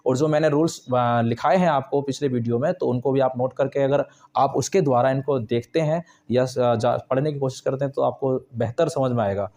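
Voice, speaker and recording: A man's voice: medium pitch, a little fast, dark tone. Hindi-speaking man teaching English. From India. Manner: asks and answers his own questions, repeats key points. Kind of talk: classroom-style explanation.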